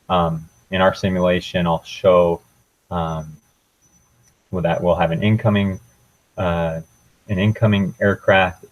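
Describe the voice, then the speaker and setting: The recording is low quality, and the young man's voice sits low as he presents informally as a student. He works through a software demo in a hesitant, halting manner.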